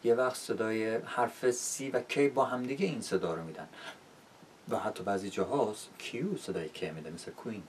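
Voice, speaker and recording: A man's voice: fairly low pitch, distant mic, slight background noise. A man teaching an English lesson in a casual, explanatory way, often checking in with rhetorical questions.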